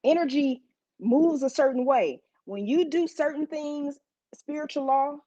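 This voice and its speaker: A woman's voice: high voice, a little slow, dark tone, no echo, muffled recording. A woman preaching a sermon, telling stories to the congregation in a conversational, emphatic way.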